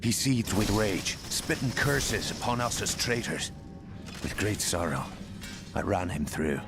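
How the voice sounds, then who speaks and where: An actor playing a grim, sorrowful knight, narrating solemnly and bitterly in a fantasy game. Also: male voice, on the low side, animated, unhurried, over music. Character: grim, sorrowful knight recounting his mad king's fall. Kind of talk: scripted dramatic game narration.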